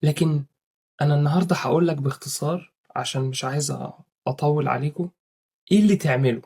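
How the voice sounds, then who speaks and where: A man's voice: fairly high pitch, fast, a little mellow, husky. A young man with an Egyptian Arabic accent giving earnest casual advice to viewers, often swearing oaths. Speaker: religious advice speaker.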